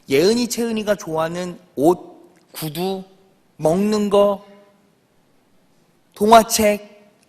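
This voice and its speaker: A man's voice: high voice, fairly bright tone. A young adult male pastor preaching a sermon, telling a family story and putting questions to the congregation. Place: church sanctuary. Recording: church sanctuary reverb.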